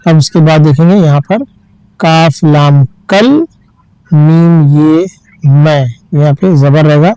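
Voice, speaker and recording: A man teaching reading, spelling each word out letter by letter and then reading it slowly and patiently. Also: on the high side, fairly even intonation, mellow, clear, resonant tone, no room sound, rough recording. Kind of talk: slow letter-by-letter reading lesson.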